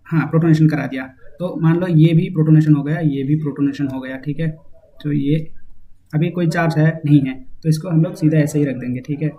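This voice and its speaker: A man teaching a chemistry lesson, explaining step by step and mixing in English terms. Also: fairly high pitch. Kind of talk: whiteboard lecture. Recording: slightly dull audio with faint hiss.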